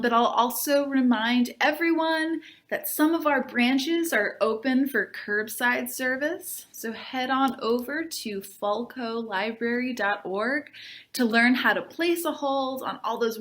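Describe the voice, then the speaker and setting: A librarian with a fairly high voice reads a children's book aloud, speaking a little slowly. She chats with viewers in an expressive, upbeat way.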